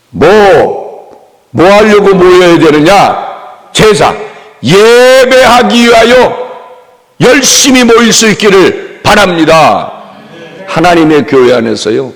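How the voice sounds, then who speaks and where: A man preaching a revival sermon in a church sanctuary, calling for amens and acting out the people he describes. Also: on the high side. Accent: Korean. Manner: call-and-response preaching with mimicry. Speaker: pastor. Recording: long reverb of a church hall.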